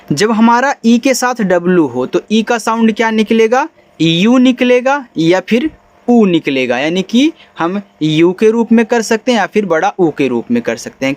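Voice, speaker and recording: A man teaching English spelling and pronunciation step by step to beginners, often checking if the students follow. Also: sits high. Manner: explains step by step, asks students if they follow. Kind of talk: whiteboard phonics lesson in Hindi.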